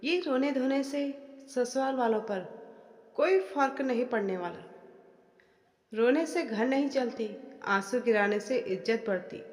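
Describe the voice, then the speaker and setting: A woman narrating a family story in a slow, dramatic scripted style. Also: on the high side, darkish tone. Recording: echoey room with long reverb.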